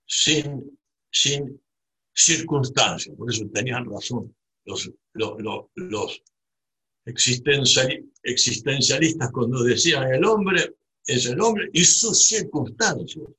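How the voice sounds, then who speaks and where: Through poor audio comes a husky, sharp-toned man from Buenos Aires with a Rioplatense Spanish accent, taking his time over a reflective, digressive monologue. His mid-range voice has lively intonation, and he keeps restarting and adding tag questions.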